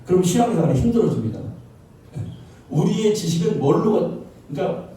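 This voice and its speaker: A male pastor preaching in a conversational way, asking rhetorical questions and dropping in short affirmations. His voice is very warm and dark, a bit high for a man. It is heard from well off the mic in a big, very echoey church hall. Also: sing-song, brisk, far from the mic. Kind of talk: sermon. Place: church sanctuary.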